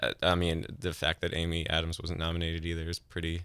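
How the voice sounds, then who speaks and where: A man's voice: low-pitched, completely flat delivery, a little fast, fairly bright tone, clean tone, no echo, studio quality. A man co-hosting a casual film chat, talking thoughtfully with trailing restarts. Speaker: co-host. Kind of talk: casual chat about films.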